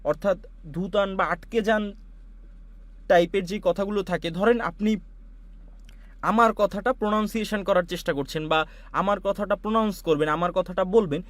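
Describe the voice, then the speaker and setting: A man from Bangladesh teaches an online class, talking students through each step of audio software. His voice sits high and the recording is dry and close, with no room sound. He explains patiently and circles back over points with many asides. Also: normal speed, pauses often, no echo. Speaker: online course instructor. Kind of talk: screen-share software tutorial.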